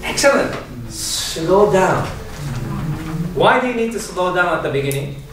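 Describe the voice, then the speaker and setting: A man's voice: high voice, lively intonation, quick pace. A man teaching a speech class, asking questions and laughing often, recorded in a classroom from across the room. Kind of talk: classroom lesson. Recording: echoey room, distant mic, background noise.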